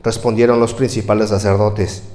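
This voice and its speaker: A man preaching a sermon in a church, reading scripture aloud and acting out the voices in the verses, shouting the crowd's lines and dropping to near whispers. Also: lowish voice, little pitch movement, moderate pace. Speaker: pastor.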